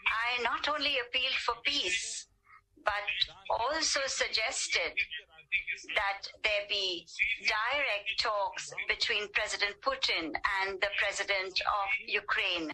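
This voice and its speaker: Woman live interpreter, slow and sharp. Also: medium pitch, rough recording. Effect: live interpreter voice-over relayed in a news clip. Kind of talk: slow, measured simultaneous interpreting.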